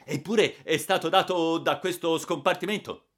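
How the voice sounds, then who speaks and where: A man's voice: on the low side, expressive, a little fast, pushed and bright. Man doing a stern, officious train official. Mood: alarmed. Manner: firm, officious.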